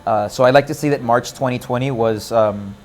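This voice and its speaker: Fast-talking man in his twenties. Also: medium pitch, darkish tone, a little hiss or hum. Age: 20s. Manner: rambling, self-assured, trails off with fillers. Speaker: interviewee. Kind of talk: casual chat.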